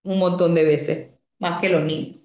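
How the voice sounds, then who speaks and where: A woman teaching an online parenting class, explaining calmly, reading out comments from students and asking the class questions. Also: on the low side, a little slow, echoey room, highs cut off. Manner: asks the class rhetorical questions.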